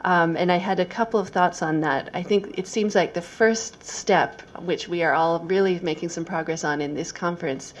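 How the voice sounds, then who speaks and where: Lower-pitched woman giving a conference talk. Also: normal speed, few pauses, a little hiss or hum. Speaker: conference speaker. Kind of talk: conference presentation.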